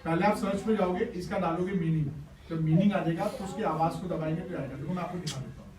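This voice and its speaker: High-voiced male teacher, encouraging, distant mic in a roomy hall. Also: fast talker, a little mellow. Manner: encouraging and playful, coaxing pupils. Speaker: teacher running a school workshop. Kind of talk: classroom teaching to students. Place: school classroom. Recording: echoey room, distant mic, noisy class.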